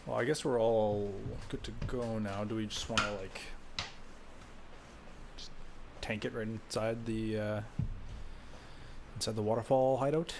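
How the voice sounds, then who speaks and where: A man's voice: lowish voice, fairly even intonation, a little slow, pauses often, noisy background. Casual man playing a tabletop game. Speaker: player.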